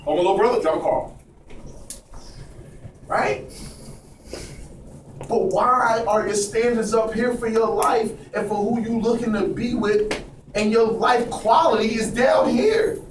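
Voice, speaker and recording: High-voiced man preaching bluntly to a room. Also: fairly even intonation, unhurried, pauses often. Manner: preachy, profane, asks the room for agreement. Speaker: speaker addressing a group. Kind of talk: blunt motivational talk. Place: indoor room with a small audience. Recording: echoey noisy room from far off.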